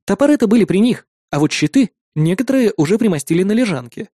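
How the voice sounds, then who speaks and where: A man narrating a first-person story in an expressive audiobook style, voicing the dialogue. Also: high-pitched, fast, no echo, studio quality.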